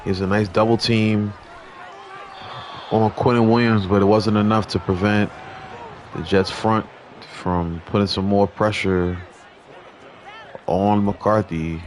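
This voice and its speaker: Deep-voiced man commentating a football game. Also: slow, long pauses, a little hiss or hum. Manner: relaxed, conversational, mild restarts. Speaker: gaming commentator. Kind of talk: casual video game play-by-play commentary.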